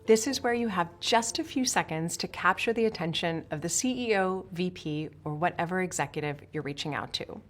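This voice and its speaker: A woman's voice: on the low side, a little fast, few pauses. A woman from Switzerland narrating a sales course in an upbeat, emphatic coaching manner, speaking straight to the viewer. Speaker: sales instructor.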